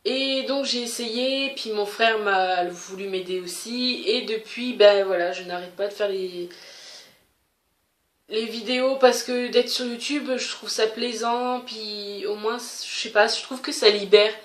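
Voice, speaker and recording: A woman's voice: on the high side, a little slow. A woman vlogger chatting casually to camera as she answers a question tag, hesitant, with many fillers and restarts. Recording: roomy echo.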